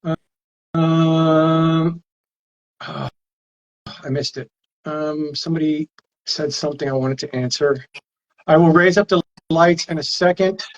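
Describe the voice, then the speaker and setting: A man's voice: on the high side, fairly even intonation, takes it slowly, long pauses, dull audio. Man hosting a rambling live stream. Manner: rambling, reads viewer comments aloud. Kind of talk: casual live stream chat.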